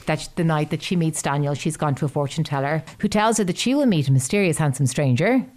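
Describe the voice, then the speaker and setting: A woman with a fairly low voice talks through a novel in relaxed chat. She is wry and quick to laugh as she retells the plot. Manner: chatty, wry, laughs often while telling the story. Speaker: podcast co-host discussing a novel. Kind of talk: casual book chat.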